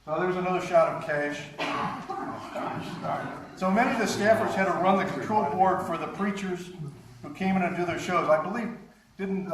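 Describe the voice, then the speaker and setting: A man giving an anecdotal, chuckling talk with slides at a live conference, recorded from a distance in a very echoey hall. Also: high-pitched. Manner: anecdotal, chuckles often, halting restarts. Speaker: guest speaker, former radio and TV writer. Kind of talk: storytelling lecture with slides. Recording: very echoey hall, distant mic, faint hiss.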